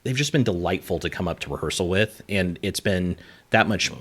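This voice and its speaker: A man's voice: sits low, animated, a little fast, a bit bright, husky. A man directing a community play, talking in a casual, chatty interview. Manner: easygoing, chatty, with filler words. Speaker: theatre director.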